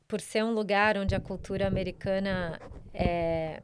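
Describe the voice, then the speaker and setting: A woman hosting a podcast who gives her views in a measured way during a casual interview. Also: medium pitch, fairly even intonation, noisy background. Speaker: podcast host.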